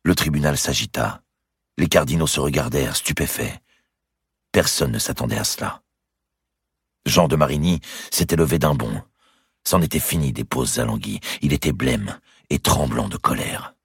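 A man narrating a historical novel as an audiobook, in a measured storytelling manner. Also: very deep voice, expressive, creaky, slightly rough, no room sound, clean studio sound.

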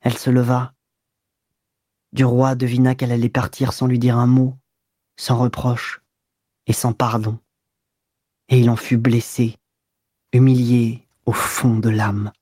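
A woman narrates a novel in a measured, unhurried reading. Her voice is husky and mellow, and the dry, close sound suits an audiobook. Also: a bass voice, little pitch movement, no echo. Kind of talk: scripted narration.

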